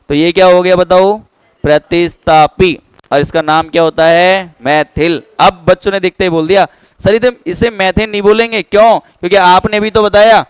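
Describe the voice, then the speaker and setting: A man's voice: sits high, clear, resonant tone, no room sound, rough recording. Teacher quizzing his class. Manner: keeps quizzing students with "clear?". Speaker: chemistry teacher. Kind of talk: classroom lecture.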